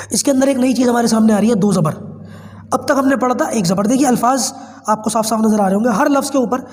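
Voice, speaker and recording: A man's voice: extremely high pitch, darkish tone, big-room sound. A man teaching Quran reading in an online class, patiently spelling out drills, with a cold and a cough, speaking with a Pakistani Urdu accent.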